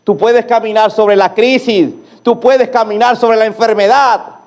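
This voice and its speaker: A male pastor preaching a sermon with emphatic rhetorical questions, swinging between hushed low phrases and loud rising calls. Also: fairly even intonation, measured pace.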